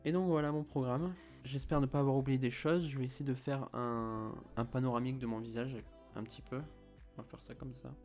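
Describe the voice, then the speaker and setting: A young Frenchman in his early twenties talks through a personal explainer at an average male pitch, with music behind him. His s sounds come out a little slushy in a slight lisp, and his words are slightly chewed. He has a French accent. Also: fairly even intonation, brisk, darkish tone. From France. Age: early 20s. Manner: slightly mumbled articulation, chewing his words. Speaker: vlogger telling of his own treatment. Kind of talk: explanatory vlog talk to camera.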